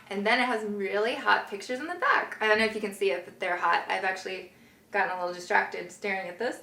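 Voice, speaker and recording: A woman's voice: mid-range voice, pushed and bright, roomy sound. A woman hosting a casual review vlog, gushing and giggly, frank and swearing freely. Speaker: review show host.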